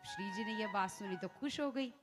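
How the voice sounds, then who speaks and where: A woman telling a devotional story as a sermon, animated and speaking straight to her listeners. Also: medium pitch, moderate pace, music in the background. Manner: animated, addresses listeners directly. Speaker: religious storyteller.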